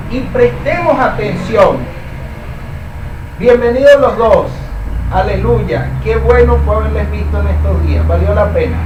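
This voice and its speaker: A man's voice: sits high, noisy background. A man teaching a Bible study class, emphatic and full of rhetorical questions. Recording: echoey room, mic at a distance.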